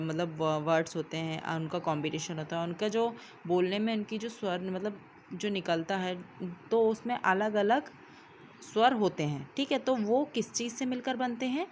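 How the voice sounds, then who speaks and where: A woman's voice: on the low side, slight background noise. A woman teacher with an Indian accent explains English grammar in a recorded lesson. She goes step by step, spells words out letter by letter and closes each point with "ठीक है".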